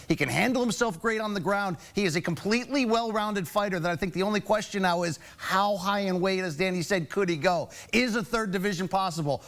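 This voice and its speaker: A man's voice: high voice, a bit bright. A man working as a studio sports analyst, giving fight punditry in emphatic, punchy phrases. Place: broadcast studio set.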